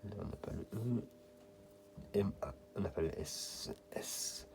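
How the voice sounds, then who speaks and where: A man's voice: low-pitched, expressive, takes it slowly, creaky, darkish tone, slight background noise. A French man giving casual running commentary, muttering and half-whispering letters as he checks a card. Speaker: scratch-card vlogger.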